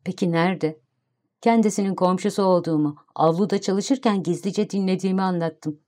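A woman narrating a literary audiobook in a calm, even storytelling manner. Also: medium pitch, fairly quick.

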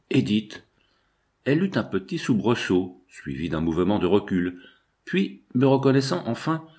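A man reading a novel aloud in first person, with measured, expressive storytelling. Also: fairly low pitch. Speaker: audiobook narrator.

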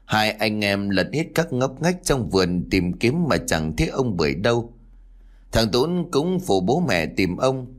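A man narrating a ghost story in a lively storytelling manner. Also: lowish voice, a little slow.

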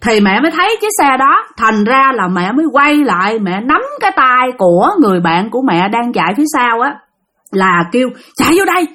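A woman with a Southern Vietnamese accent tells spooky stories in a casual, chatty way, her voice sitting a bit high. She is animated and speaks right to her listeners, acting out what people said. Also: fairly quick. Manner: animated, addresses listeners directly, acts out dialogue. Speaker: storyteller of listener-submitted ghost stories. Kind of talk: casual spoken storytelling.

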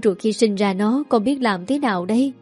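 A frightened young woman in an audiobook story pleads anxiously, as a woman reader puts her on. The tone is soft and mellow rather than bright. Soft music plays faintly behind her. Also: medium pitch, a little fast, lightly acted. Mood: distraught. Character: frightened young woman student, pregnant, tearful.

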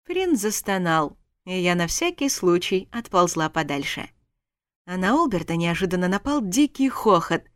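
Woman reading a story, low and dry. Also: sing-song, moderate pace, no echo. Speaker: narrator. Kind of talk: first-person audiobook narration.

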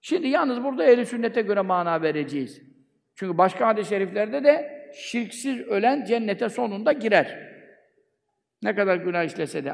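High-voiced preacher at a pulpit microphone. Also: male voice, gravelly. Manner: fervent preaching with rhetorical questions he answers himself. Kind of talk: sermon. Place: speaking from a pulpit. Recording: long hall reverb.

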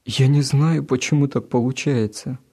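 A man's voice: medium pitch, takes it slowly, vocal fry, mellow, breathy edge, pitched above the performer's own voice, exaggerated voice. A man voicing a tearful, ashamed schoolboy prankster in a storybook reading, pleading and sobbing. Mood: upset.

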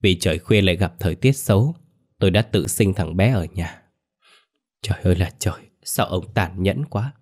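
A man's voice: sits low, moderate pace, a little mellow. A man voicing a grieving middle-aged mother who pleads and wails for her lost son. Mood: choked up. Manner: wailing, pleading.

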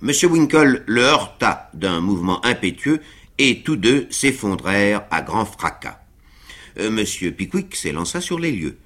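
Slow, expressive male storyteller. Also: fairly low pitch. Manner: expressive, unhurried narration. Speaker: reader of a novel. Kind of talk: literary reading on radio.

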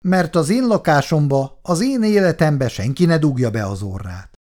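A man voicing a rude, quarrelsome younger tenant who snaps and mocks in a gruff, loud way, in an audiobook reading. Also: a little high, expressive, pitched above the performer's own voice, lightly acted. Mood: hostile. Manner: gruff, shouting, mocking.

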